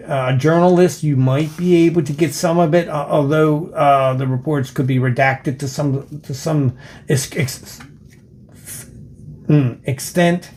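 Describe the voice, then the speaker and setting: An older man with an American accent and a fairly high-set voice talks casually to his viewers. Missing teeth leave his F and S sounds soft and lisped. He speaks haltingly, wandering off and circling back as he goes. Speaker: video channel host, former police officer. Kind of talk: casual rambling vlog.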